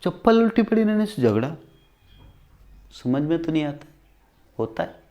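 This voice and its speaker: A man's voice: a little high, moderate pace, muffled recording. A man teaching a lesson through an acted-out story, repeating key phrases for emphasis. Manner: animated, acts out dialogue and repeats phrases for emphasis. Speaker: English teacher.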